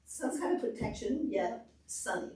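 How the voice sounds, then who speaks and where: Presenting to preschoolers and their parents, a visiting woman at a library program keeps her explanations simple, asks questions, and demonstrates animatedly. Her voice is medium-pitched at a moderate pace, recorded by a distant camera in an echoey, large indoor meeting room.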